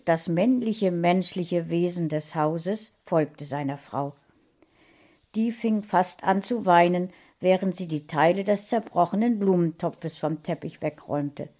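A woman narrating a storybook with an expressive, unhurried reading. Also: fairly low pitch.

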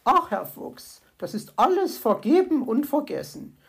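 Storybook magpie nurse, female, fussy and smug, high slow voice, read by a woman. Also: sing-song, exaggerated voice. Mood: fussing. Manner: brisk, fussing, self-satisfied.

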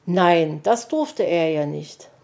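A woman narrating a children's storybook in a gentle, unhurried way. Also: fairly low pitch, sing-song, creaky.

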